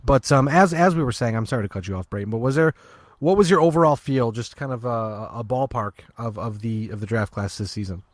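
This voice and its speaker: A man co-hosts a casual sports podcast in a dry, close-miked sound. His voice sits at an ordinary middle pitch. He rambles, restarting sentences and filling gaps with "um" and "I mean.". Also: a little fast, no echo. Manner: rambling, many restarts and fillers. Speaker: podcast co-host.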